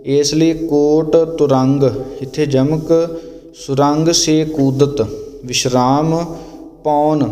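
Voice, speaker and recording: Brief: male recitation teacher, mellow dark tone, slightly higher pitch, long reverb on the recording. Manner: slow, deliberate demonstration of each word. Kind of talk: pronunciation lesson.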